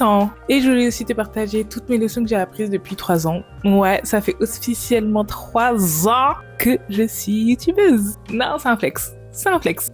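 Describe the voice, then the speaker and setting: A woman's voice: mid-range voice, darkish tone. A woman in her late twenties from France, talking casually to camera in a vlog. She is chatty and playful and drops English words into her talk. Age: 20s. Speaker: YouTuber.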